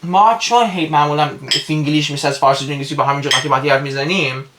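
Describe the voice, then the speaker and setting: A man's voice: a little high, reverberant, noisy background. A young man co-hosting a casual mukbang food vlog, speaking Persian with an English accent and teasing his brother while mixing in English.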